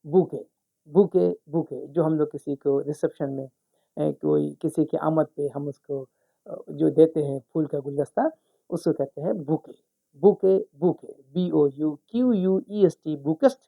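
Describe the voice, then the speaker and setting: A man teaches spoken English in a relaxed, explanatory way. His voice is rough and gravelly, with a deep, mellow darkness. He repeats each word several times and spells it out letter by letter. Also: a little slow. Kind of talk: explanatory lesson.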